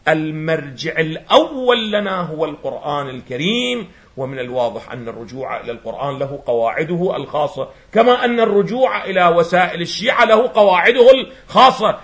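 A man's voice: fairly high pitch, sing-song, a little fast, fairly bright tone, highs cut off. A man teaching a religious lecture to students. He asks rhetorical questions, answers them himself, and presses hard on his key points. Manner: emphatic, rising sharply on key points.

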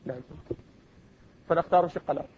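A man with an Iraqi accent gives a classroom lecture, pitched high for a man. He keeps firing either-or questions at his students to check they follow. The recording is dull and lo-fi. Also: very fast, husky. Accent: Iraqi Arabic. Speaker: seminary philosophy teacher.

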